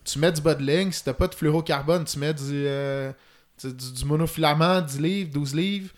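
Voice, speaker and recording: A man's voice: fairly high pitch, normal speed. A man with a Quebec French accent explaining fly-fishing gear in casual chat, in detail and with many fillers. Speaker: fly-fishing guest expert.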